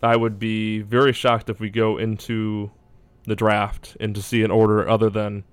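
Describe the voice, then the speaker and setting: A man's voice: lowish voice, monotone, normal speed, smooth, no room sound. A man talking casually as a basketball draft analyst, hedging and thinking aloud as he goes. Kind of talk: casual sports discussion.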